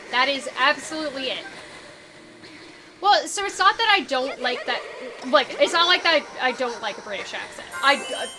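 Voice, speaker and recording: A woman's voice: high-pitched, lively intonation, normal speed, noisy background. A woman streaming a video game, chatting casually and rambling, with lots of fillers and restarts. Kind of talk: casual live-stream commentary. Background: game music.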